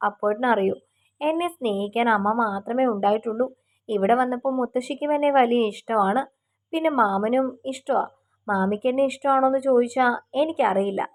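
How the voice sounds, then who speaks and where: A woman's voice: on the high side, close to an everyday voice. A woman voicing a shy, tearful young girl.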